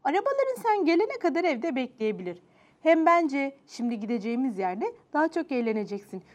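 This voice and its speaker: A woman voicing a kind, cheerful mother in a children's story, speaking gently and a little higher. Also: big pitch swings, a little fast. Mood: gentle.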